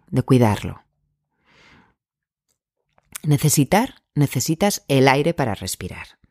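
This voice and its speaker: Male anxiety coach, gentle and measured, mid-range voice, dry close sound. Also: mid-range voice, no echo. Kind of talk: calm self-help advice talk.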